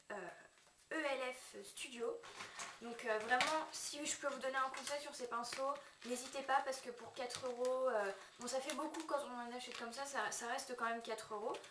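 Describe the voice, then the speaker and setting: A woman giving a casual makeup brush review to her viewers, chatty and hesitant, often pausing and correcting herself. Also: on the high side, background noise. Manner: chatty, hesitant, with frequent fillers and self-corrections. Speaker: beauty vlogger. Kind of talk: casual product review to camera. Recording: echoey room, mic set at a distance.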